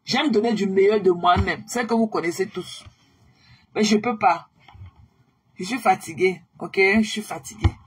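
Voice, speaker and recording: Tired, husky woman chatting on a live stream. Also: mid-range voice, moderate pace. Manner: chatty, repetitive, mixes in English phrases. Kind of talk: casual live-stream chat.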